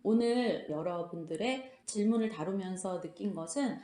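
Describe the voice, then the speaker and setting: A woman with a warm, mid-range voice at a moderate pace hosts a fairy tale book club channel. She leads a lesson, explaining and commenting on questions conversationally and acting out imagined reactions in quotes. The indoor recording sounds roomy and echoey.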